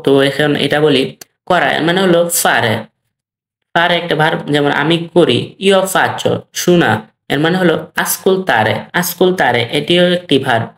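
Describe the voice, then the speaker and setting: A patient language teacher drills vocabulary, saying every word twice and drawing out the example phrases. The voice sits at an ordinary middle pitch. The recording carries a clear roomy echo. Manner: slow and repetitive, drilling each word twice; stretches out the practice phrases. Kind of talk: language lesson. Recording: roomy echoey room.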